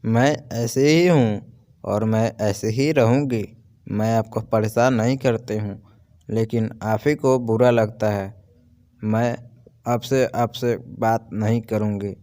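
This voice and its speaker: A man's voice: lowish voice, fairly even intonation, slow, dark tone. A man voicing a stubborn young daughter-in-law in a spoken moral story, with a defiant edge.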